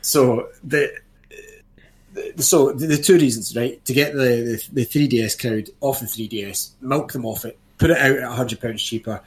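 A man's voice: mid-range voice, normal speed. A man in his thirties co-hosting a casual video game podcast, blunt and jokey, swearing freely and talking over his co-host. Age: 30s. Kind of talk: casual chat.

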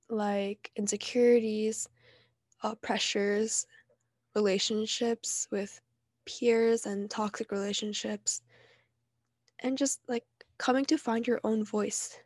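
Her mid-range voice is a little mellow and nasal from allergies, recorded dry with a clean studio sound. She is a New Jersey teenager co-hosting her own podcast, delivering a frank, easygoing personal monologue.

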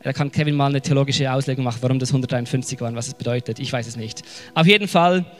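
A man with a Swiss German accent preaching a sermon, often searching for words and retelling scripture in a casual, lively way. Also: mid-range voice, rapid-fire, long reverb tail, faint music behind. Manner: searching for words, frequent fillers and restarts.

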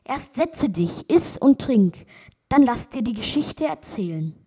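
A woman's voice: on the high side, very animated, unhurried, warm tone, breathy edge, pitched above the performer's own voice, exaggerated voice. A woman voicing a tender young bride in a read-aloud fairy tale, pleading in a lifted voice.

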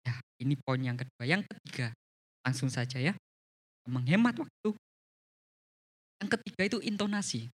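A man teaching a church leadership class on communication. He is lively and often tags his sentences with a questioning "ya". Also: moderate pace, pauses often. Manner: animated, frequent rising pitch, tags sentences with "ya".

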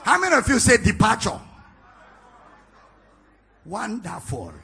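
Nigerian man, preacher, gravelly voice, very high and bright, sweeping pitch, raspy edge, slow deliberate delivery, teasing questions and shouted peaks. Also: huge pitch swings. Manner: teasing questions to the congregation, rising into shouted climaxes. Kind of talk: sermon. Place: church hall, large, indoors.

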